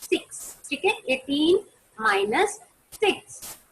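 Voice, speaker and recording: High-voiced teacher woman, online maths class. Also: sing-song, slow pace, rough recording. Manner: mixes Hindi and English, asks pupils questions and answers them herself; calls pupils by name to turn on their cameras. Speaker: primary school maths teacher. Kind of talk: online class on a video call.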